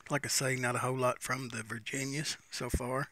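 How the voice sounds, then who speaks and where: Puffing a pipe between phrases, a man muses through a folksy, casual, unscripted review, repeating himself as he goes. He speaks at medium pitch with a flat, fairly quick delivery and a bright, forceful tone.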